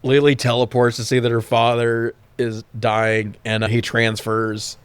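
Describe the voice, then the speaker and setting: A man's voice: mid-range voice, monotone, measured pace, smooth, no echo. A man co-hosting a podcast, recapping a film in casual chat, sarcastic and profane, often laughing. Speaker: podcast co-host. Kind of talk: casual movie review chat.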